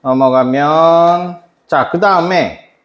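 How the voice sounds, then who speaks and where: A man's voice: on the high side, takes it slowly, dull audio. A man teaching a math lesson to a class, chatty and quizzing students by name. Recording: echoey classroom.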